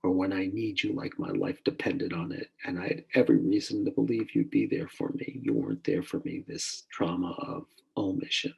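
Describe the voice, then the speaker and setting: An older male therapist speaks in a deep, gravelly voice with a husky edge. He tells his story haltingly, circling back with fillers and restarts as he thinks aloud. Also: steady tone, darkish tone, muffled recording. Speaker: therapist and podcast host. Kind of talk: reflective storytelling about therapy work.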